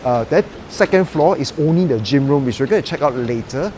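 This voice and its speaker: Brisk and animated, this young man guides viewers through a residential complex, indoors and out, speaking Malaysian-accented English in a mid-range, slightly mellow voice. His property tour chatter is cheerful and colloquial with "lah" tags, and a little hiss or hum is audible.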